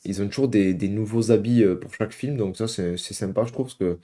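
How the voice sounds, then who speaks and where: A man's voice: fairly low pitch, brisk, dark tone. A young man hosting a casual reaction video at home, chatting to his viewers with lots of hesitations and filler words. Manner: chatty, many hesitations, addresses viewers as "guys".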